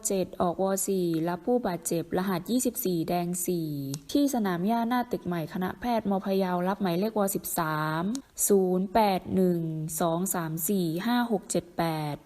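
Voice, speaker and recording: A woman's voice: mid-range voice, moderate pace, hardly any pauses, warm tone. A woman working as an emergency dispatcher, reading back coded messages over walkie-talkie in a formulaic, procedural way. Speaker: emergency dispatch centre radio operator.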